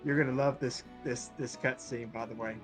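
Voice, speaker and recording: Casual male gamer over loud music. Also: mid-range voice, steady tone, a little fast. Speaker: video game streamer. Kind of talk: casual gaming chat.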